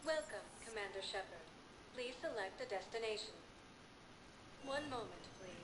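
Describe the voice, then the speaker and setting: A calm female computer announcer, speaks evenly and politely on a slightly high voice. The announcements ring out with a roomy echo. Steady background noise sits under the game audio. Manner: even, polite, measured announcements. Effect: calm automated announcement voice over a loudspeaker.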